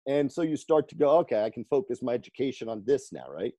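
A man who coaches firefighters on fitness, telling stories in an interview, lively and laughing often as he acts out the people he quotes. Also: medium pitch, quick pace, dry recording, clean studio sound. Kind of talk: storytelling in a conversational interview.

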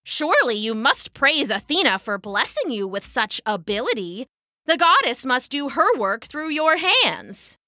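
A woman's voice: high-pitched, sing-song, unhurried, sharp tone, dry recording, clean studio sound, heavily acted. A woman voicing a jealous goddess who poses as an old woman, haughty and indignant. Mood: sweet then scolding.

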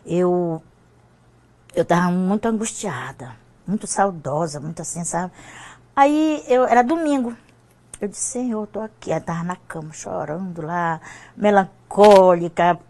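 An older woman giving an emotional personal testimony as a guest on a church talk show. She often repeats herself, and her voice rises when she is moved. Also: mid-range voice.

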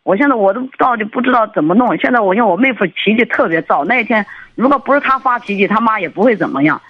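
A woman's voice: fairly high pitch, animated, breathy edge, no echo. Female radio caller: hesitant rambler over a dull, lo-fi phone line, voice dry and close. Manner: halting, rambling, many restarts and fillers. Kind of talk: call-in radio conversation. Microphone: telephone.

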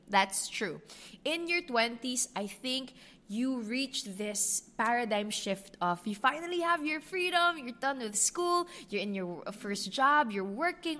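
A woman's voice: a little high, fairly bright tone. A woman in her twenties with a Filipino accent, hosting a solo advice podcast in an earnest, direct way and slipping in Tagalog words. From Philippines. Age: 20s. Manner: earnest, talks straight to the listener, mixes in Tagalog words. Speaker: podcast host.

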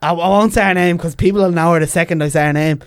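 Young dublin lad, quite high voice, talks fast, casual storytelling, really dry close sound. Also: male voice, clean tone, no echo. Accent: Dublin Irish. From Ballymun, Dublin, Ireland. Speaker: podcast guest.

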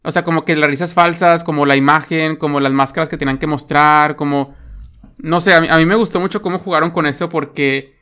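A man's voice: fairly high pitch, steady tone, brisk, sharp tone, smooth. A man with a Mexican accent chatting casually about a film, rambling with lots of fillers and tag questions.

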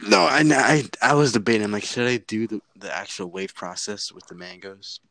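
A man's voice: fairly low pitch, expressive, a little fast, creaky, sharp tone, no room sound. A teenage boy chatting on a video call from home, giggly and rambling, sometimes dropping to a whisper. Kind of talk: casual chat. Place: at home, indoors.

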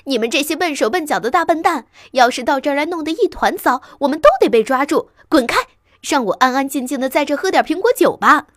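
Storybook rat: small, cranky, screeching , read by a woman, high and jumpy. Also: expressive, fast talker, fairly bright tone, no echo, studio quality. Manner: screeching, scolding. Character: shrill, territorial male rat, drunk and cranky.

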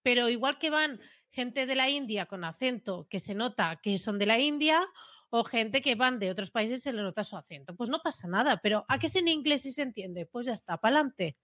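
A woman, speaking as a guest in an easygoing podcast chat. Her voice sits a little high, recorded close and dry with no room around it. She talks things through in an informal, slangy way. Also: expressive, moderate pace, a bit bright, no echo. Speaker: podcast guest, marketing automation specialist. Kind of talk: casual chat.

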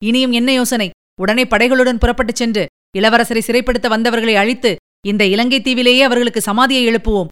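A fiery, impatient young army commander, as a woman reader puts him on, firing off heated, urgent questions. The voice sits a little high and stays smooth and clean throughout. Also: steady tone, a little fast, a bit bright, lightly acted.

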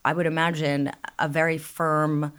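A woman hosting an interview, asking halting questions and offering soft, supportive affirmations. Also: deep voice, flat delivery, clear, resonant tone. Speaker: host. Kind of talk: conversational interview.

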